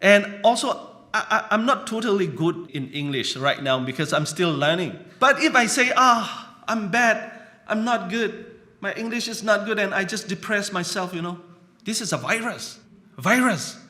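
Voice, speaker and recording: Bright-voiced preacher. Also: male voice, high voice, lively intonation, normal speed. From Burma. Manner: conversational, often adds "you know" and "right?". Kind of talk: sermon.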